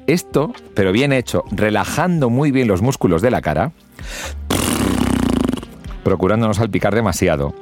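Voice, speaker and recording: Middle-aged male host, low register, very expressive delivery, coaching tone. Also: normal speed, long pauses, over music. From Spain. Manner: lively, demonstrates pronunciation with exaggerated examples. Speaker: podcast host and public speaking mentor. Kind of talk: instructional podcast talk.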